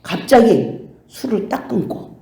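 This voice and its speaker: A woman pastor preaches slowly and deliberately, her pitch rising and falling widely as she acts out the people in her stories. Her voice carries through an echoey church room. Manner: animated storytelling, acting out quoted voices. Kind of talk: sermon. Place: church sanctuary.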